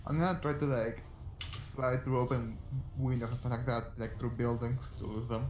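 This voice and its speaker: A man playing a tabletop game, laid back and quick to laugh and swear. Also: mid-range voice, fairly even intonation, roomy sound, lo-fi sound, background noise. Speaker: player. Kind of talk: casual tabletop game chat.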